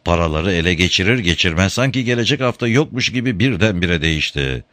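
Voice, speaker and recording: A man narrating a story aloud in an expressive storytelling manner. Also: low-pitched, fast, no echo. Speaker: reader.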